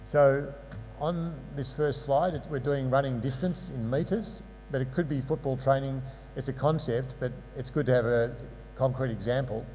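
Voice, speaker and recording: Faint music plays behind a man giving a slide-based conference lecture on sports medicine in a lecture hall, where hall reverb and mains hum color the sound. Speaking in a non-local English accent, he patiently explains concepts with dry asides, his medium-pitched voice a little mellow at normal speed.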